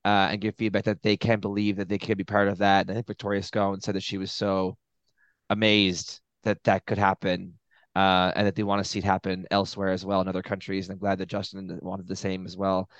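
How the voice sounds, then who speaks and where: A man from Canada, a podcast guest, giving measured, thoughtful opinions in casual chat. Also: low voice, monotone, dry recording.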